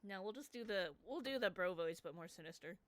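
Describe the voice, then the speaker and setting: A woman's voice: medium pitch, expressive, fairly quick, a bit bright, dry recording. A woman giving casual, sweary, exclamatory commentary while streaming a game. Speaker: streamer playing a visual novel. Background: game music.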